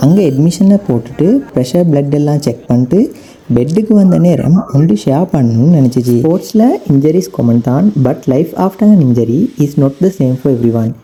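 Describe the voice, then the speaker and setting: A young man with a Sri Lankan Tamil accent calmly narrating his own vlog as a voice-over, slipping English phrases into his speech. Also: a little high, moderate pace, husky, poor audio. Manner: calm, reflective, mixes English phrases into Tamil. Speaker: vlogger.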